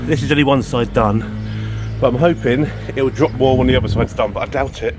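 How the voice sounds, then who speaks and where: Working on his car in a home garage workshop, a man vlogs casually, a bit out of breath and swearing in exasperation when things go wrong. He talks fairly quickly in a mid-range voice over music.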